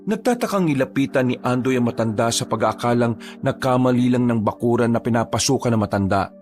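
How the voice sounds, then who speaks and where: A man tells a horror story in a steady, measured voice of ordinary pitch. Faint music plays beneath his narration.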